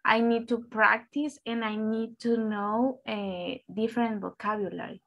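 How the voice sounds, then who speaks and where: A woman's voice: fairly high pitch, little pitch movement, takes it slowly, vocal fry, lo-fi sound. A woman student answering in class, hesitant and searching for words.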